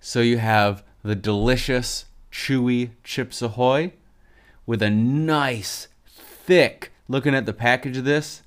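Slow-talking man with a lisp. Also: mid-range voice, steady tone, clear, resonant tone. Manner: chatty and enthusiastic about snack foods. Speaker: podcast host. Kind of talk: casual solo podcast monologue.

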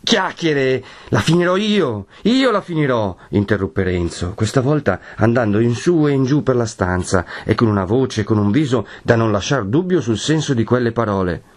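A man reading a classic novel aloud as audiobook narration, in a measured, expressive way. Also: fairly low pitch. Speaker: audiobook reader.

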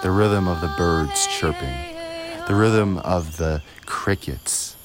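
A man's voice: deep voice, slow pace. A man leading a guided meditation as host, speaking solemnly in short, emphatic, repeated phrases. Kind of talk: guided meditation, spiritual monologue. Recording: loud music under the voice. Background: loud instrumental music.

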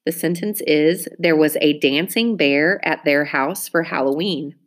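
A woman teacher giving a spelling test, reading each word clearly and using it in an example sentence. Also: low voice, unhurried. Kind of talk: spelling dictation lesson.

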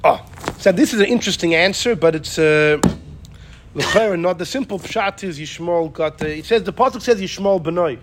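A man teaching an informal Torah class, animated, often repeating himself and acting out the people he quotes. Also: sits high, normal speed, noisy background. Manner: animated, acts out quoted speakers, repeats phrases.

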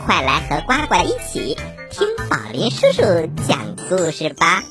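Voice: medium pitch, wildly swooping pitch, normal speed, over music. An actor voicing a cute, playful little frog prince who is always hungry, for a children's story show. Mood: playful, cheerful.

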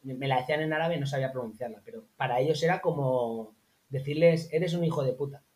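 A fast-talking man from Spain, a former teacher in Morocco, appears as an interview guest in a relaxed, casual chat. He tells lively, animated anecdotes, acting out quotes in high voices.

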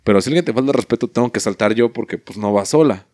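A man's voice: medium pitch, fast talker, a little mellow, dry recording, studio quality. Slangy, swearing Mexican young man. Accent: Mexican Spanish. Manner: crude slangy storytelling, swears constantly. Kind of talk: casual chat.

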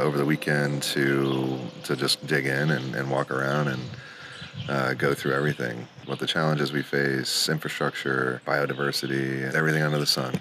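Really low voiced guy chatting as a guest outside, hesitant, faint background noise. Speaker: podcast guest, company CEO. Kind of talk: casual interview answers. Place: outdoors. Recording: faint outdoor ambient noise.

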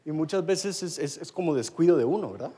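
High-voiced Guatemalan preacher. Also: male voice, lively intonation, a little fast, dark tone, husky. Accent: Guatemalan Spanish. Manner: storytelling, with many repetitions and restarts. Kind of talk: sermon to a live congregation.

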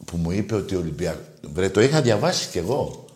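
Male radio host, low and lively voice, bantering with callers, roomy echo. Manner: animated storytelling, teasing callers. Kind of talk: casual call-in radio chat.

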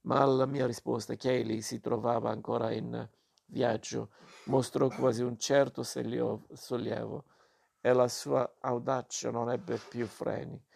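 A man reading a novel aloud, in slow and measured reading with small slips. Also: mid-range voice, flat delivery, gravelly, darkish tone, breathy edge. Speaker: reader.

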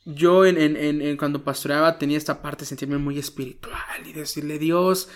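Male pastor, slightly high voice; earnest, halting testimony with soft passages. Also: steady tone. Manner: earnest, halting, many restarts, drops to a soft voice when quoting prayers. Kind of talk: emotional personal testimony in an interview.

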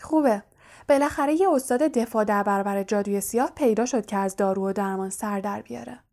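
A woman's voice: medium pitch, darkish tone, close to an everyday voice. A woman voicing a fussy female school nurse who mutters and frets over a patient in an audiobook. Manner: fussing, muttering.

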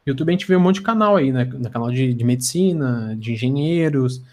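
A man's voice: medium pitch, expressive, fairly quick, a little mellow. Brazilian man with a slushy, stammering lisp. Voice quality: tongue-tied lisp with slushy s. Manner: stammering, repeats words and syllables. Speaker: podcast guest. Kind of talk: casual podcast conversation.

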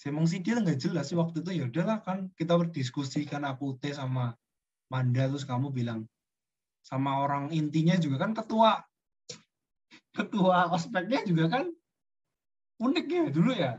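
A man's voice: a little high, moderate pace, a little mellow, breathy edge, far from the mic, lo-fi sound. A young man chatting casually as a podcast guest over a choppy call whose audio keeps glitching and cutting out; he often gropes for names as he talks. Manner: chatty, searching for names mid-sentence. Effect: choppy, glitching call audio that cuts in and out. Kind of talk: casual reminiscing chat. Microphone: remote call connection.

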